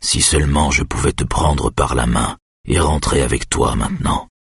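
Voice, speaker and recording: A man reading an audiobook, voicing a tired older father who speaks softly and with care. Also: extremely low pitch, fairly even intonation, creaky, slightly rough, no echo, studio quality, pitched below the performer's own voice, heavily acted. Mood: tender. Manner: soft, tired, measured. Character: weary older father, gentle and careful.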